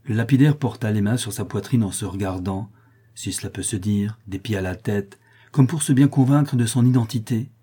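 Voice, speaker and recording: A man narrates a classic novel in a measured, expressive manner. His voice is low and dark with a husky grain, and he takes the sentences at a steady pace. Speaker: audiobook narrator.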